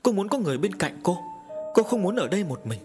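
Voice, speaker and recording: A man's voice: high-pitched, sing-song, fast talker, music in the background, voice pushed up. A man voicing a clingy, simple-minded young woman's ghost who pleads in a whiny, childlike way. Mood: insistent.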